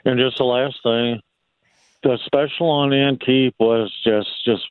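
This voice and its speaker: A man calling in to a radio show over the phone, chatting casually and haltingly, with many fillers and restarts. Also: medium pitch, steady tone, clear, resonant tone, no echo. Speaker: caller. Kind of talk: casual call-in chat. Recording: tinny phone line.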